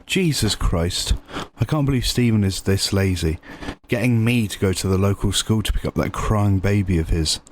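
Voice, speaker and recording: A man's voice: on the low side, moderate pace, hardly any pauses, a little hiss or hum, natural voice. A man acting a brash, mocking, easily alarmed character in a comedy sketch, exclaiming, teasing and swearing. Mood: mocking, grumbling. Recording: music behind the voice.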